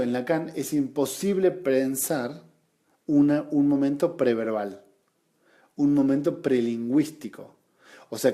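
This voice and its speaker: A man's voice: mid-range voice, mellow. A man with an Argentine Spanish accent teaching a study group in an explanatory lecture, often adding rhetorical tag questions and repeating points for emphasis.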